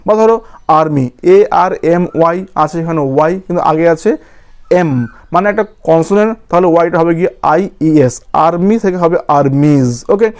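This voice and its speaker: A man's voice: on the high side, brisk, smooth. A man teaching a grammar lesson, spelling words out letter by letter and often checking that students follow. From West Bengal.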